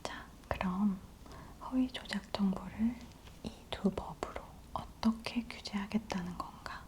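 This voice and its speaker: Female ASMR news host, close soft whisper, unhurried and gentle explainer. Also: medium pitch. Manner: whispering softly throughout, leaning in close; slow, gentle explaining to the listener in polite speech.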